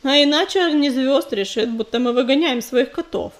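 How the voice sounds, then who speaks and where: A steady young tomcat warrior from a storybook, speaking low and measured, never rattled, as a woman reader lowers her voice for him. He sounds calm and sensible. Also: natural voice. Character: young male warrior cat, calm and level-headed.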